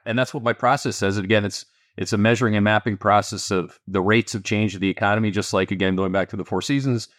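A man with a Canadian accent, an investment firm founder answering interview questions in an animated, emphatic way with sarcastic asides. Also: lowish voice, no echo, studio quality.

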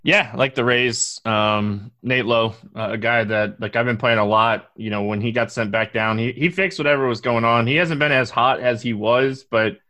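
A man co-hosting a casual sports podcast, talking in a halting way with many fillers and restarts. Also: mid-range voice, steady tone, bright, forceful tone, no echo. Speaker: co-host.

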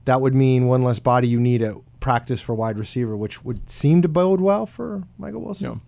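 A man's voice: medium pitch, normal speed, vocal fry, warm tone. A man co-hosting a casual sports podcast, making dry, wry remarks. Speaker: podcast co-host.

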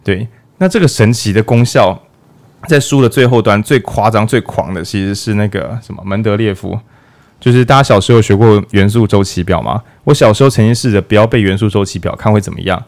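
Male podcast host, slightly low voice, playful and chatty explainer. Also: brisk. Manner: playful, with jokes and acted-out asides. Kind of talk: casual explanatory podcast talk.

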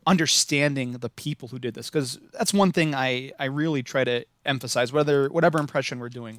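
A man in his thirties with a Midwestern American accent appears as a guest on a casual podcast interview, where he is a living history reenactor. His mid-range voice is captured in a dry, clean studio recording. He talks enthusiastically but rambles, restarting often.

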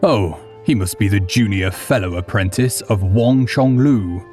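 Man doing a gruff old swordsman. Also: fairly low pitch, a little slow, a little mellow, soft background music, lightly acted. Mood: gruff easy. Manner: laughing, blunt, calls others boy. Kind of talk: audiobook character voice.

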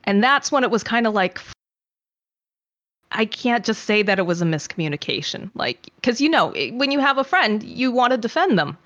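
A woman's voice: fairly high pitch, big pitch swings, moderate pace, a bit bright, no echo, muffled recording. A woman speaking candidly in a conversation, with lots of fillers, sometimes quoting her past self.

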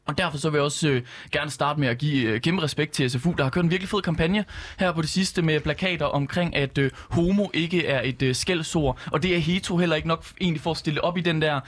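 Slightly hoarse young man debating. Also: on the high side. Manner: earnest, animated, many fillers. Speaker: youth politician. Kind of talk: panel debate.

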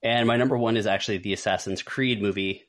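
A male podcast co-host with a lowish, steady, fairly bright voice talks quickly. He chats casually while ranking films, wandering off into rambling asides.

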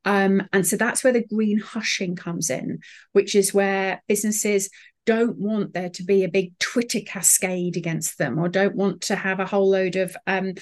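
A woman's voice: mid-range voice, steady tone, moderate pace. Articulate woman interview guest. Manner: articulate, many fillers and restarts. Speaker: sustainability consultant, guest. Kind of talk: interview conversation.

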